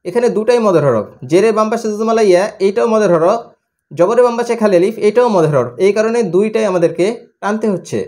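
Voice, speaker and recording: A man teaching Quran reading, slowly spelling out Arabic letters and vowel marks in a steady chant and drawing out the long vowels, with a Bangladeshi Bengali accent. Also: high voice.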